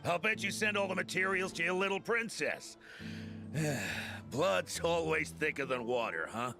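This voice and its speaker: A man's voice: fairly high pitch, expressive, unhurried. A man voicing a cranky older townsman in a video game, mocking and sarcastic as he heckles. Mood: grumbling, smug. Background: music.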